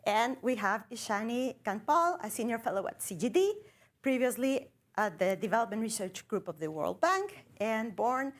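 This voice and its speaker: A woman's voice: fairly high pitch, lively intonation, moderate pace. Woman moderating a conference panel. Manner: formal, with frequent fillers. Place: conference room.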